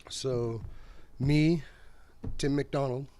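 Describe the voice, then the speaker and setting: A man's voice: mid-range voice, fairly even intonation, very slow, a crowd in the background. Rambling, laughing middle-aged man. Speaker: podcast guest. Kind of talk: casual storytelling chat.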